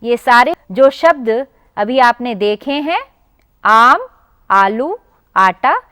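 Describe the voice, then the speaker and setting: A woman teacher with an Indian Hindi accent giving a televised lesson to children, drawing out each sound slowly and asking them questions. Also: fairly high pitch, sing-song, bright, forceful tone, no room sound, clean studio sound. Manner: slow, drawn-out pronunciation, addressing children directly. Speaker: primary school teacher.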